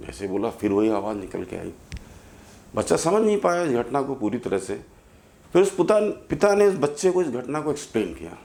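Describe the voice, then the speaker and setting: A man's voice: mid-range voice, sing-song, moderate pace, creaky, darkish tone. A male teacher tells a moral story during a school lesson, speaking directly to his students in an earnest, moralizing manner.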